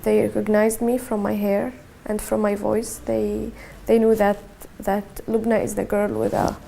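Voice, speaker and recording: This Syrian woman, 21, gives an interview testimony in a halting way, frequently repeating herself in a Syrian accent. Her mid-range voice is flat, creaky and warm, and there is a little hiss or hum.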